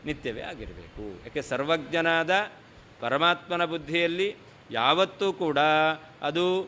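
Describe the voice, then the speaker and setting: Bright-voiced male scripture lecturer. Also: a little high, expressive, slow. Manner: explains Sanskrit lines in Kannada, asks and answers his own questions. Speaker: scholar teaching a scripture text. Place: lecture hall.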